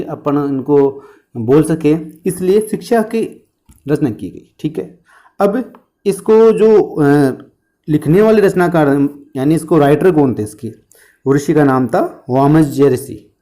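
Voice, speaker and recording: Brief: male exam coach with a lilt, mellow tone, answers his own questions with mnemonics. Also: on the high side. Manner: explains with questions and answers to himself; uses memory tricks and jokes. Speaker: teacher. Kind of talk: exam-prep history lesson.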